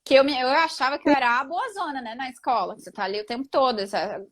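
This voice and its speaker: A woman's voice: high voice, fast talker. A woman in her thirties, co-hosting a live stream in casual chat, talking in a chatty, emphatic way. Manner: chatty, emphatic, says "tipo" and "entendeu" a lot.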